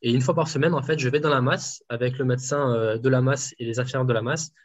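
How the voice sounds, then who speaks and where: A man's voice: medium pitch, steady tone, quick pace. A man working as a home nutrition dietitian, answering interview questions casually with many fillers and restarts. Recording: dull lo-fi sound.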